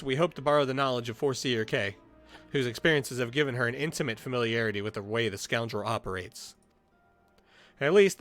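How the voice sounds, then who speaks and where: A man's voice: mid-range voice, fairly bright tone, close to an everyday voice. A man reading the lines of a stern port city military officer from a fantasy game, in a formal, report-like delivery close to his own voice.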